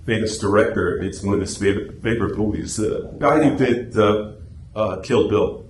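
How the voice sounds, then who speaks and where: Speaking at a moderate pace in a lowish voice, a club presenter who also writes radio scripts talks informally to a small audience in a meeting room. His presentation is chatty and full of anecdotes. The recording has an echoey room and faint noise.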